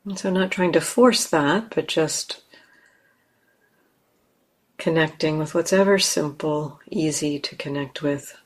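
A woman with a deep voice guides a meditation as a teacher, speaking gently in short phrases separated by long pauses.

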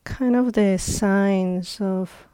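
A woman who teaches meditation guides a session in a soft-edged, mellow, clean voice of mid-range pitch. She talks very slowly, with long pauses separating short phrases. The recording is close and dry, with no room sound at all.

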